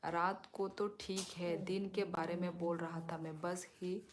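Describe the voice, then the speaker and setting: A woman hosting a casual live stream, chatting with viewers and answering comments in a relaxed, easygoing way, mixing in English words. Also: on the low side, unhurried, slight background noise. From Northeast India.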